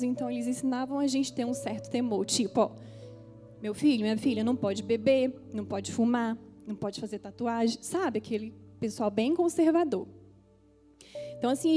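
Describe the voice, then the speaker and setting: Her voice sits on the high side with a dark tone: a woman pastor, Brazilian Portuguese accent, delivering a testimony sermon. She tells the story with emotion and addresses the congregation directly.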